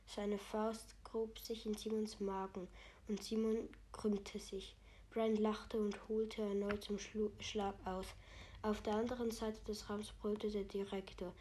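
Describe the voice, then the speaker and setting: A woman narrating a storybook with a steady, even delivery. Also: mid-range voice, slow pace, slight background noise. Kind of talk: storybook reading.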